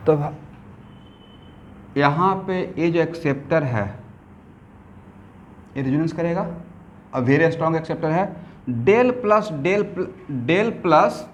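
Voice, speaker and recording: A man teaching chemistry to a class. He asks the students questions and answers them himself, and he mixes English technical terms into his speech. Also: on the high side. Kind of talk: classroom lecture. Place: classroom with students, also streamed online.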